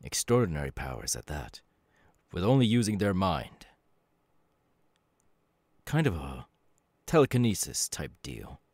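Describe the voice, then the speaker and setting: A male actor voices a demon warrior in an ASMR audio roleplay monologue, fully in character. His low-pitched voice is knowing and calmly menacing, delivered in a halting, dramatic way on a dry recording with no echo.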